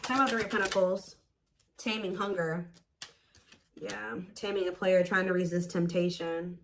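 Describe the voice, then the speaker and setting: Her pitch sits fairly low and her tone stays steady at a moderate pace, with slight background noise. This tarot reader hosts a casual, intuitive reading for viewers, speaking in an emphatic, chatty way and repeating points to stress them.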